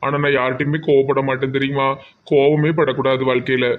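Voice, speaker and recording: A man's voice: medium pitch, level tone, fast, a little hiss or hum, natural voice. A man voicing a reformed auto-driver husband in a comic cartoon, with a Tirunelveli Tamil accent and a lecturing, advice-giving manner. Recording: tinny phone-like sound.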